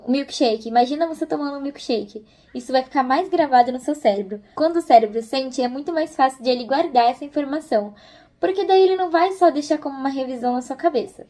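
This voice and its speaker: A young Brazilian woman hosts a video channel, sharing tips in a casual, encouraging chat. Her voice sits high and has a warm tone.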